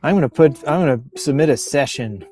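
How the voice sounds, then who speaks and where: With music in the background, a man whose voice sits a little high speaks fairly quickly while reading out social media posts. His hosting is casual and improvised, full of jokes and rambling side comments.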